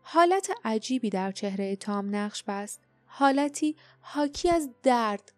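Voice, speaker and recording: A woman narrating an audiobook in a steady, measured storytelling manner. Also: fairly high pitch, no room sound, soft background music. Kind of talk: scripted narration.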